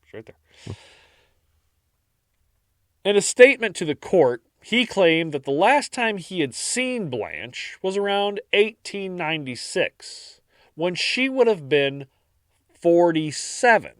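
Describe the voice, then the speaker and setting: Man, podcast co-host, jokey storyteller, slightly high voice, very lively pitch, dry sound. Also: unhurried, no echo. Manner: jokey, breaks into silly voices and laughs. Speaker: podcast co-host narrating history. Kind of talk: casual storytelling chat.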